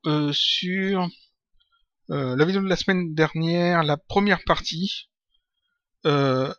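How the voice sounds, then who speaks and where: A man answering viewer questions in a casual software tutorial, talking hesitantly with many fillers and restarts. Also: on the high side, dry recording, dull audio. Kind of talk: casual screen-recorded Q&A.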